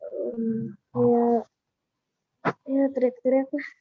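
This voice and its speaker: A schoolgirl answering in class, slow and hesitant. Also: a little high, little pitch movement, breathy edge. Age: child. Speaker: pupil. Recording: lo-fi audio with faint noise.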